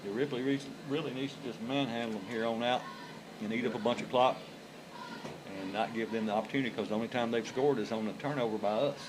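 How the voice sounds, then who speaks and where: A man's voice: medium pitch, fairly even intonation, fast talker. A man giving conversational play-by-play of a football game in a folksy, informal way. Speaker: play-by-play announcer for high school football. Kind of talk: conversational live sports commentary. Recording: live game broadcast with clear background noise.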